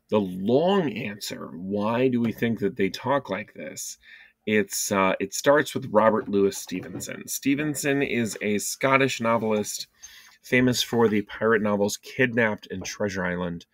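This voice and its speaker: A low-pitched man talks through a relaxed video lesson from his basement, with plenty of ums and side notes. The sound is dry and close, with hardly any room echo. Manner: chatty, with frequent ums and asides. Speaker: teacher. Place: home basement.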